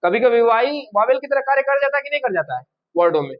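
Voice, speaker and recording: A man's voice: extremely high pitch, sing-song, fast talker. A man teaching an English grammar class, who keeps asking his students questions and then answers them himself. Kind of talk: classroom lesson. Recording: dull lo-fi classroom recording.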